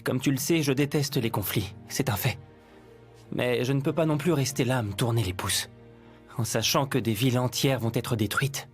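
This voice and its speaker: Guy doing a calm sly anime hero who hates conflict, mid-pitched, music faintly behind. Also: moderate pace, lightly acted. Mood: earnest. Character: shrewd, peace-loving husband who is a hero. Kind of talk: anime dub.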